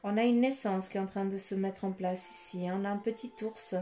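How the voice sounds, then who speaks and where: A woman's voice: medium pitch, steady tone, brisk, warm tone. A woman giving a casual oracle card reading. She meanders, tags her phrases with little fillers and speaks straight to the viewer. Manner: meandering, with frequent "hein" and "euh" tags; addresses the viewer intimately and directly. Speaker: card reader giving daily guidance.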